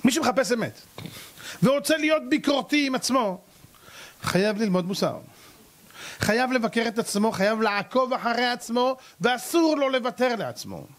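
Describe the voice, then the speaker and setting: Rabbi, male, lively storytelling sermon; high voice with big pitch swings, acts out characters. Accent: Israeli Hebrew. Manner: animated, acts out characters and cries out.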